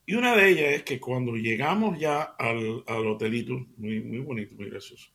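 Gravelly man telling a radio anecdote. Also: mid-range voice, moderate pace. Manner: chatty anecdotal, addresses listeners warmly as family. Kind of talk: casual radio storytelling.

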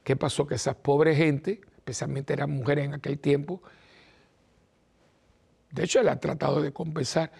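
A man's voice: fairly high pitch, steady tone, normal speed, gravelly, long pauses, a little mellow, husky. A man, a priest hosting his own program, telling personal family stories in a rambling, chatty way and acting out the dialogue. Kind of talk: casual storytelling talk.

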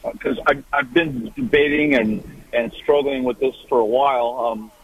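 A man in his sixties calling in to a radio show over a choppy phone connection that keeps breaking up, talking haltingly with many restarts. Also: medium pitch, steady tone, breathy edge. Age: 60s. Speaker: caller. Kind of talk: call-in radio talk. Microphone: phone headset. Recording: tinny, breaking-up phone line.

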